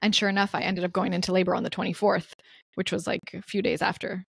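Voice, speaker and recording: A young woman, a guest mother in a casual interview, telling her story in a lively way, laughing often and acting out the people she quotes. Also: fairly low pitch, quick pace, gravelly, slightly rough, no room sound, clean studio sound.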